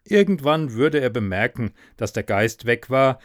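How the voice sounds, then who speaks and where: A man's voice: medium pitch, very animated, measured pace, dry recording. A man narrating a story in a dry, wry tone.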